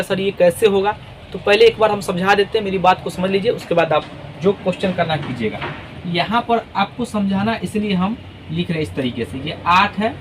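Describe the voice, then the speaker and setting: A man with a high voice teaches a math class patiently, one step at a time. He reads numbers out slowly, digit by digit, and keeps checking that his students follow. Faint traffic hums in the background. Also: poor audio. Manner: patient, step-by-step explaining, often checks with "ठीक है ना".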